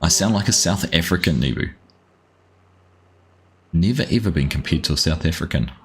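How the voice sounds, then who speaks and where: There's slight background noise as a low-voiced New Zealand man, a gaming livestreamer with a New Zealand accent, talks at normal speed with lively intonation. He plays a farming game, chatting casually, rambling, and greeting viewers by name.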